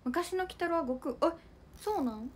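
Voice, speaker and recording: A woman's voice: extremely high pitch, moderate pace, slight background noise. A young woman hosting a casual livestream, chatting with viewers and reading comments in a bubbly, giggly way. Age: young adult. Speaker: idol livestream host.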